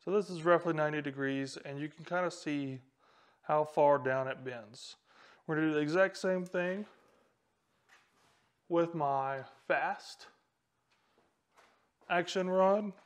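A man hosts a fishing channel, casually explaining gear straight to the camera while handling rods. He's wearing a lapel mic in a small indoor room with a whiteboard and a tackle wall. His voice is on the high side, clear, and resonant, and he speaks unhurriedly with long pauses in this instructional explainer.

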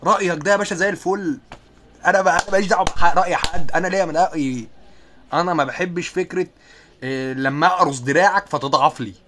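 Egyptian young man, sick, live stream chat, rapid talk, slightly high voice, self-mocking. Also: sharp tone. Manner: reads viewer comments aloud and answers them jokingly; self-mocking, laughs often. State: sick, with occasional coughing.

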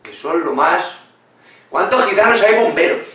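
Guy ranting on his vlog, high voice, super echoey room, mic kinda far. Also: unhurried. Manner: animated, blunt and swearing, mimics others in funny voices. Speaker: vlogger reacting to a video. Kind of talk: casual opinionated commentary.

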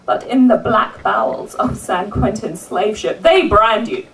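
A woman's voice: medium pitch, measured pace, creaky, a little hiss or hum. A woman performing rhythmic spoken-word poetry at a live benefit event, rousing the audience into call-and-response. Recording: voice picked up from a distance at a live event.

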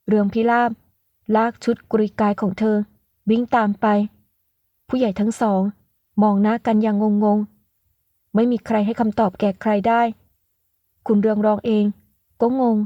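A woman narrating an audiobook novel in a steady, measured storytelling voice. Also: mid-range voice, no room sound, highs cut off.

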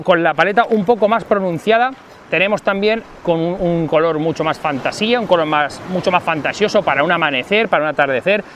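A man's voice: fairly high pitch, a bit bright, slight background noise. Upbeat man at a sea cove. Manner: enthusiastic, addresses viewers directly. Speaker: fishing guide. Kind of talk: fishing vlog talk to camera. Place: outdoors at a seaside cove.

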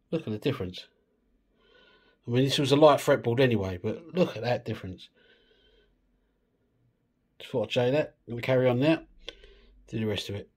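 A man casually walking through a guitar restoration and explaining each step in a relaxed, chatty way. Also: mid-range voice. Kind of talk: casual workshop demonstration.

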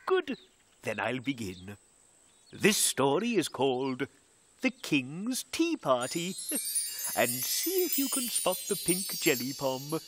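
A woman voicing a gentle, friendly creature who reads stories to small children in a sing-song way, putting on voices for the characters. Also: extremely low pitch, wildly swooping pitch, slow pace, slight background noise, full character voice. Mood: storytelling. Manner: sing-song storybook reading with swooping voices. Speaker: storyteller. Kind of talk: children's television storytelling.

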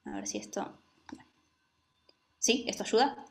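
A woman's voice: measured pace, a little mellow. A woman teaching a music lesson, who explains patiently and often checks that her students follow.

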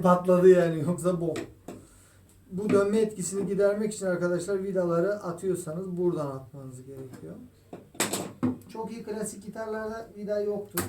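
A man walking viewers through a guitar repair in a casual tutorial while he works, often addressing them as friends. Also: high-pitched. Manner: explains while working, keeps calling viewers "friends". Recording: echoey room, distant mic, noisy.

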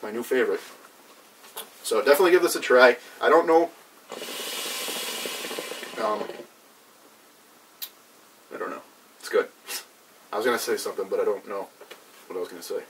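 Youngish guy casually reviewing, lowish voice, keeps stumbling for words, mic a bit far off. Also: fairly bright tone. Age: young adult. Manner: halting, filler-heavy, searching for words. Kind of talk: casual unscripted review chat. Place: small cluttered indoor room with brick wall. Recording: distant mic, background noise.

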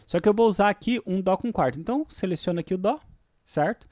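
Fast and expressive, this Brazilian man's high voice carries an informal voice-over for a screen-recorded music production tutorial made indoors. He thinks aloud as he goes, often checking in with short tag questions.

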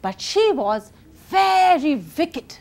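A woman tells a folktale to children in a high, very animated voice. She takes her time, stretching words theatrically as a live storyteller. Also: takes it slowly. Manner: theatrical, expressive, uses sound effects. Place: medium-sized indoor room with seated children.

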